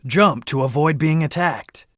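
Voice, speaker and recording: A man's voice: on the high side, unhurried, no echo, clean studio sound, close to an everyday voice. Man voicing a brooding, commanding hedgehog antihero. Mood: stern, determined. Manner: terse, serious, commanding. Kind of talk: video game character voice lines.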